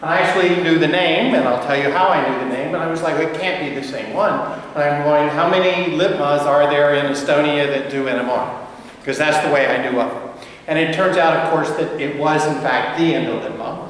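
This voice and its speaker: Captured from a distance in an echoey, large lecture hall with slight background noise, an older guest lecturer from the United States rambles amiably through an academic talk with lots of fillers and restarts. He speaks fairly quickly in a higher, fairly bright voice.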